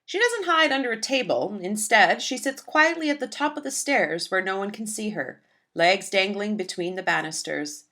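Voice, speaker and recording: A children's picture book is read aloud by a woman with a mid-range voice. Her moderately paced delivery is gentle and expressive, in true storytelling fashion.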